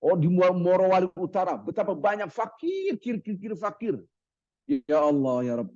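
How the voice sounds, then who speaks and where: Male preacher, lively Ramadan sermon, fairly high voice, dull dry recording. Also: dry recording. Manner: lively, acts out market haggling in quoted voices; chants Arabic hadith phrases slowly.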